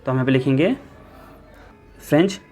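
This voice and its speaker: A man with a slightly high voice teaches a maths lesson for an exam. He walks through each step, repeats the key numbers and corrects himself as he goes. Faint background music plays under his voice. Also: moderate pace. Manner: steady explaining, repeats steps, self-corrects. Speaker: maths tutor.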